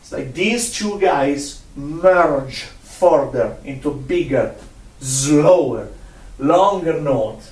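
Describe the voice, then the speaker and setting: A man's voice: fairly high pitch, lively intonation, slow pace, hardly any pauses. A man teaching a one-on-one music lesson, patient, repeating himself and counting out rhythms. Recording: roomy sound from a distant mic.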